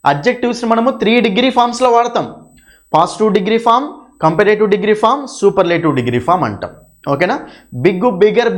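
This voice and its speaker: High-voiced man teaching. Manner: repeats points, quizzes the class with frequent checks. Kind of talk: exam revision lecture.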